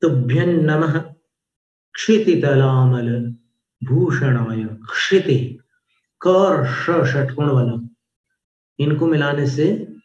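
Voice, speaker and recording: Man slowly teaching chant pronunciation. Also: on the high side. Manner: slow, careful pronunciation drills; chants verses in a rising melody. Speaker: Jain scripture teacher. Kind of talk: devotional recitation lesson. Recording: roomy, dull lo-fi audio.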